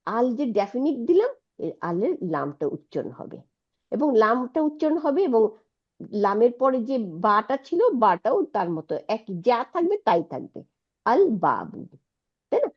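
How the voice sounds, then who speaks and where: A woman's voice: fairly high pitch, very animated, normal speed, muffled recording. A woman teaching an Arabic lesson, patiently explaining and asking her students checking questions. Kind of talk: online Quranic Arabic lesson.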